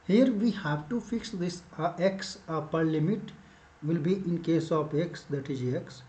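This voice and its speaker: A man teaching a maths lesson step by step, dictating notation symbol by symbol in short, halting phrases. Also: on the high side, warm tone. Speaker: mathematics teacher. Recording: echoey room, dull muffled sound.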